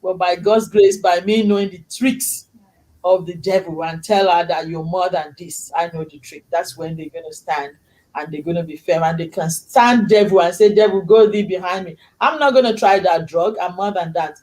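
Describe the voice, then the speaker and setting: A middle-aged woman hosts a casual chat show in English, which is not her first language. Her voice is lowish and a little mellow, her pace normal, and her manner effusive, faith-filled and preachy. The recording is rough.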